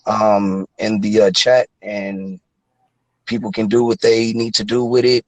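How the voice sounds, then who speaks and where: A man's voice: lowish voice, no room sound, rough recording. A man in his thirties calling in to a talk show, speaking earnestly and rambling with many fillers. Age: 30s. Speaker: caller. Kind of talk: casual call-in chat.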